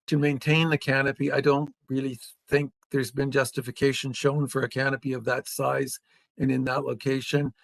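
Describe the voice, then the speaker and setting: A Canadian man on a planning committee giving measured, hesitant remarks at a public hearing. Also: mid-range voice, vocal fry, fairly bright tone, no room sound. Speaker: committee member.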